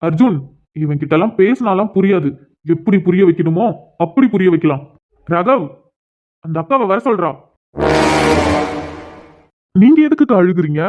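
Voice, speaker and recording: A man's voice: high voice, expressive, moderate pace, pauses often. A man voicing a defiant schoolboy leader. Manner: defiant, reassuring to the sister. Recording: tinny phone-like audio.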